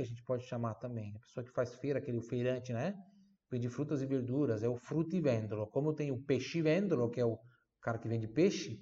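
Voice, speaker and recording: Man drilling words slowly for students. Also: medium pitch, dark tone. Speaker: Italian teacher. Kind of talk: online language lesson. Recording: slightly dull lo-fi sound.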